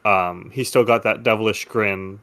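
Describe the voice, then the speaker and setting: A man with a lowish voice, speaking at normal speed, runs a tabletop game as game master, narrating and explaining rolls. His style is relaxed and rambling, and he laughs easily.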